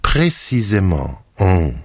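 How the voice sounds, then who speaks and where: Brief: a vain clever detective with a French accent, lively and exacting, recorded dry and close. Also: male voice, low voice, takes it slowly, dry recording, exaggerated voice. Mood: smug lively. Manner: precise, lively, theatrical, French interjections. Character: fussy clever Belgian male detective, middle-aged. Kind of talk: audiobook character reading.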